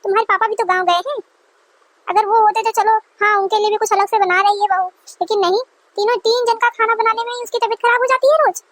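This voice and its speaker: A woman's voice: very high voice, steady tone, quick pace, a bit bright. A woman doing a nagging mother-in-law. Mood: scolding. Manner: scolding, sarcastic. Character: middle-aged mother-in-law, nagging and quick-tempered.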